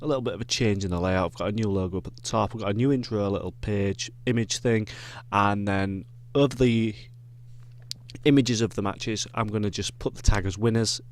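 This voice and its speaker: A man's voice: lowish voice, a little fast. A man with a Yorkshire accent giving casual wrestling predictions, rambling with lots of ums and self-corrections. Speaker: wrestling reviewer.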